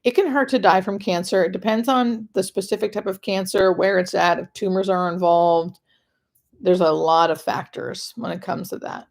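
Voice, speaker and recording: A woman's voice: medium pitch, creaky, a little mellow. An American woman with a mid-range voice speaks as a hospice nurse on a live stream. She explains in a casual, conversational way, often restarting a phrase or repeating key words for emphasis. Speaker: hospice nurse answering live viewer questions.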